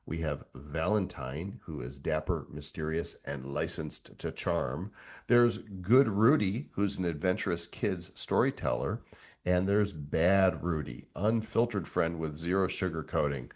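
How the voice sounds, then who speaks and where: A middle-aged man with a very low voice hosts a tech show. He talks in a relaxed, conversational way, easily amused as he walks through a demo. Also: a little slow. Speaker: show host. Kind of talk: casual tech walkthrough.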